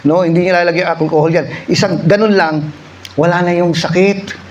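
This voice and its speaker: A man's voice: high-pitched, steady tone, brisk, muffled recording, a little hiss or hum. A male pastor preaching a sermon in a church, telling a story and repeating lines for effect. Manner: storytelling, acts out voices, repeats phrases for effect.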